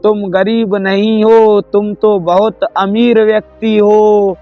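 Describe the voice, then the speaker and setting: A serene, wise spiritual teacher, as a male narrator reads him, high-pitched for a man and speaking in an even, flat tone. He counsels gently and slowly. The sound is dull and lo-fi, with faint music underneath. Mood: calm. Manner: gentle, instructive.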